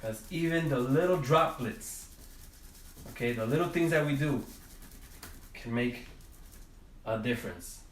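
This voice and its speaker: During a drawing lesson, an art teacher narrates a gentle tale while coloring, his medium-pitched speech leisurely, hesitant, and full of restarts. The sound is distant and roomy, as if picked up from several feet away, with a slight hiss or hum.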